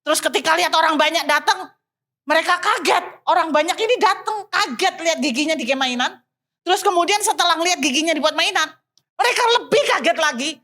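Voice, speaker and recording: High-voiced woman preaching with a lilt. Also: a little fast. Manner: animated, addresses the congregation often, mixes in English phrases. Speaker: pastor. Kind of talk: sermon storytelling.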